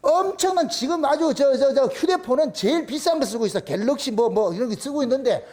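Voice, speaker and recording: Gyeongsang pastor guy preaching, really high voice that jumps all over, keeps asking the room stuff and answering it. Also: expressive, brisk, a little mellow. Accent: Gyeongsang Korean. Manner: emphatic, asks the congregation rhetorical questions and answers them himself; repeats phrases for emphasis. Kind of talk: sermon.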